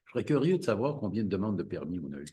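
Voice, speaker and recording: A man's voice: on the low side, very animated, very fast, warm tone, husky. A man making informal remarks as a council member at a meeting.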